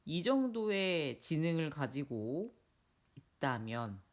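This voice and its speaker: A woman's voice: deep voice, sing-song, slow pace. A woman professor giving a university lecture, asking her students questions directly.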